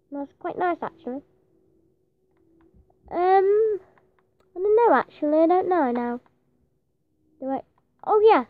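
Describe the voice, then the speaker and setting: A woman's voice: sits high, no echo. A woman hosting casual gameplay commentary, hesitant and rambling as she wonders what to say next. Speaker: gameplay channel host. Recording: dull lo-fi dry sound.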